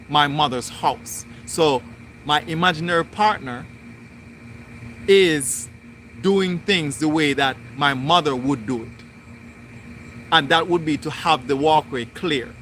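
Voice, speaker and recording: Slow, bright-voiced man reflecting aloud. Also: on the high side, slight background noise. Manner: slow, deliberate, repetitive phrasing. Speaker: spiritual livestream host. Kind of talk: reflective spoken monologue.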